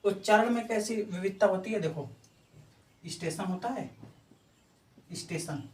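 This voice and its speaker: A man's voice: high voice, moderate pace. A male teacher giving an exam-prep lecture. He explains things patiently, repeats each example several times and keeps checking in with his listeners. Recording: echoey room from far off, faint noise.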